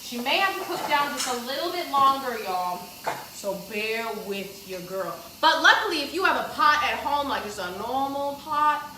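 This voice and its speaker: A woman's voice: high voice, pushed and bright, roomy sound, a little hiss or hum. A woman hosting a live cooking class from her home kitchen, chatty and exuberant, calling her viewers y'all. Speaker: cooking show host.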